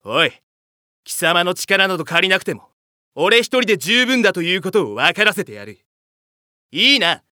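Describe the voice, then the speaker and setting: Man acting a haughty, sharp-voiced young rival. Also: sits high, sing-song, moderate pace, long pauses, dry recording, clean studio sound, heavily acted. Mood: scornful, hostile. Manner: scornful, forceful, challenging. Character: haughty, hot-tempered young male rival, sibling of a supernatural being.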